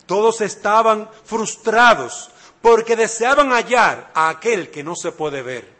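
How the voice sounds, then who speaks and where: A man's voice: sits high, animated, measured pace, pushed and bright. A man preaching a sermon, emphatic and repeating key phrases, speaking straight to the listener. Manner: addresses listener directly.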